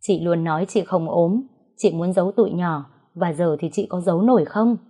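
A woman's voice: on the low side, normal speed, dark tone, breathy edge. Woman reading a blunt, worried aunt.

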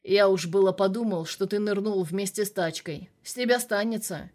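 Loud blustering older colonel on a phone; woman reader voicing him. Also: medium pitch, normal speed, close to an everyday voice. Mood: gruff. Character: gruff, hot-tempered older male police colonel.

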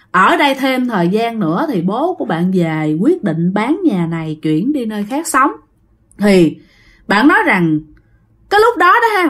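A woman tells a ghost story in a chatty style, addressing her listeners directly. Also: a little high. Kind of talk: casual ghost story narration.

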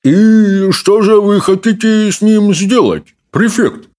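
A man reading an audiobook, voicing a fat, greedy, pompous male consul who talks in a slow, smug, chomping drawl. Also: high-pitched, a little mellow, pitched above the performer's own voice.

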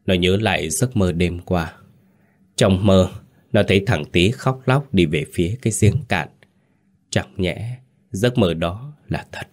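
Low-voiced guy reading a spooky village ghost story, dramatic. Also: unhurried.

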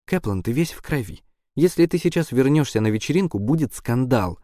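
A man's voice: mid-range voice, expressive, a little fast, mellow, no echo, studio quality, voice pushed up, natural voice. A man voicing a bossy teenage girl who orders others around with exasperation, in an audiobook. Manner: commanding, exasperated.

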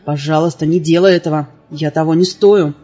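A woman reading an audiobook, voicing a young man in a low, hushed, pleading way. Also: steady tone, a little fast. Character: young man, a sullen, guilt-ridden fallen soul. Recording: dull lo-fi sound with faint music.

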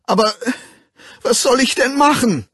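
Man voicing a shrill, pleading young man. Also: measured pace, a bit bright, husky, dry recording, clean studio sound, heavily acted. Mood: desperate pleading. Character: anxious pleading young man, high-strung.

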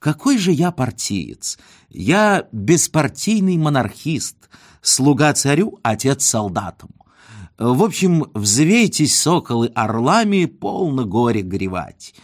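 A man voicing a smooth, self-assured male con man, speaking in a breezy, good-humoured way. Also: mid-range voice, sing-song, slow pace, heavily acted. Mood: jovial.

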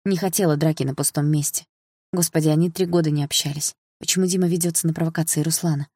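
A woman narrating an audiobook in the first person, calm and measured. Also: low voice, dry recording, studio quality.

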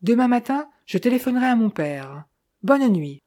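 A courteous young man speaks carefully and politely, as a woman narrator reads him. His tone is mellow and slightly raised. It is an audiobook reading. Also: a little high, big pitch swings, moderate pace, voice pushed up. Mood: wary.

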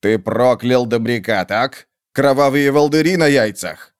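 A man voicing a hot-tempered male soldier who scolds loudly and indignantly, a bit higher than his own voice. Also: a little slow, clear, resonant tone, lightly acted.

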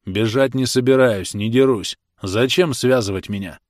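A man's voice: medium pitch, moderate pace, no echo, studio quality, lightly acted. A man voicing a defiant, stubborn peasant who raises his voice accusingly.

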